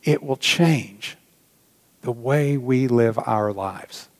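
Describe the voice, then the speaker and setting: A middle-aged pastor preaches a sermon from the pulpit of a large church sanctuary, earnest and reflective. His mid-range voice draws out its words and sinks to a near-whisper on key points. The church hall gives the sound a long reverb.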